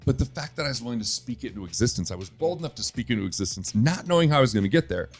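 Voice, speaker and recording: A man's voice: medium pitch, racing, faint music behind. A middle-aged man host, telling stories in casual chat and acting out quoted dialogue. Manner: animated storyteller, acts out quoted dialogue.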